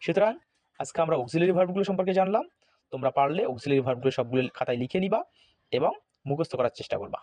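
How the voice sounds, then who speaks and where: A man with a Bangladeshi Bengali accent teaching an English grammar lesson, slow and deliberate, spelling words out letter by letter. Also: fairly high pitch, lively intonation, a little mellow, a little hiss or hum.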